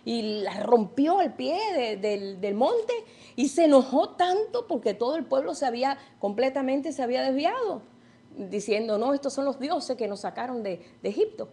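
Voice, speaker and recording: A middle-aged woman teaches a Bible study, her voice slightly high yet soft and mellow. She retells old stories in her own words and keeps checking in with her listeners. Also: very animated, moderate pace. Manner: retells stories with acted quotes, asks listeners questions.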